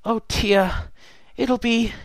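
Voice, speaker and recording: Jittery little-sister pony princess as a male reader does her, high and anxious, dry sound. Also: steady tone, very slow, no room sound, heavily acted. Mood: anxious, soothing. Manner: anxious, soothing. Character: nervous younger pony princess sister, woman.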